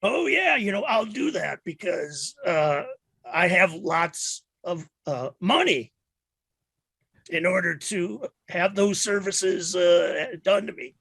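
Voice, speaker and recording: A rambling, folksy hobo of a hitchhiker, acted by a man at a game table. The voice is high, harsh and full of smoker's gravel. He halts and wanders as he talks. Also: animated, takes it slowly, a bit bright, dry recording, full character voice. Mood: dazed, halting. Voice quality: raspy, throaty, like a heavy smoker. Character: rambling hobo-sounding hitchhiker with a wrecked throat. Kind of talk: improvised tabletop role-play.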